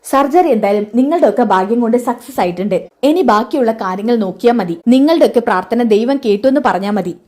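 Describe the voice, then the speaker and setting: A woman voicing a calm hospital doctor who explains injuries and surgery in a measured, steady way. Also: fairly high pitch, close to an everyday voice. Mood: reassuring.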